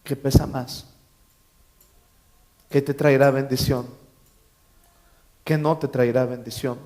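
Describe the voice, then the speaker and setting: A man's voice: mid-range voice, flat delivery, takes it slowly, a little mellow. A man preaching a sermon as pastor, emphatic, repeating key phrases and quizzing his congregation with joking asides. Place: church.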